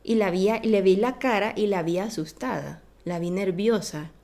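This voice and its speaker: With a medium-pitched voice at normal speed, a woman on a podcast tells an animated, casual childhood story. Along the way, she acts out how the people in it sounded.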